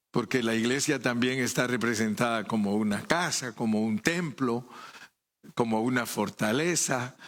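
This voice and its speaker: A man's voice: medium pitch, fairly bright tone. A man with a Guatemalan accent preaching a sermon in a conversational way, often asking the congregation rhetorical questions. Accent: Guatemalan Spanish.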